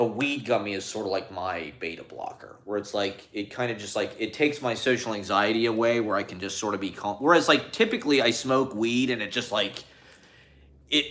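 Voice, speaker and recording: A man who performs as a clown rambles casually into his phone, halting often, with plenty of fillers and restarts. His voice is lowish with a fairly bright tone, and the recording sounds roomy.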